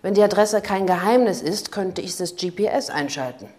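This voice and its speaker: A woman reading the lines of a sharp-tongued female investigator in an audiobook, blunt and sarcastic. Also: low-pitched, fairly quick, close to an everyday voice.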